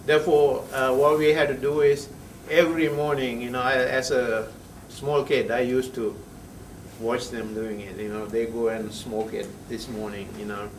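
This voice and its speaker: A chemistry professor from Sri Lanka lectures in an echoey classroom, heard from a distance with a little hiss or hum. His mid-range voice has little pitch movement, and he speaks haltingly with many "uh" pauses, checking in with "right?".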